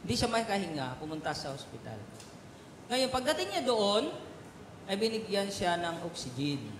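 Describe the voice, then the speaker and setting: A male pastor preaching a sermon and telling stories with fillers, swinging from soft asides to loud emphatic peaks. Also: high voice, big pitch swings, moderate pace. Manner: storytelling with fillers and Taglish asides. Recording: echoey hall with faint noise.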